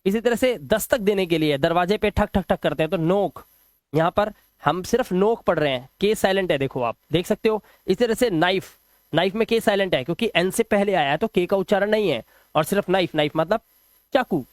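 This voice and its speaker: A man teaching pronunciation rules in a patient, step-by-step classroom style, repeating examples slowly. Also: high voice, animated, dry recording. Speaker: English teacher. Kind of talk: classroom-style lesson explaining silent letters.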